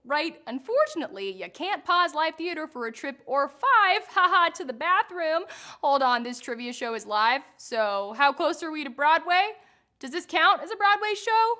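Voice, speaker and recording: A woman's voice: high-pitched, bright, forceful tone. A young woman hosting a live trivia game show, bubbly and jokey, laughing at her own puns as she reads out questions and answers.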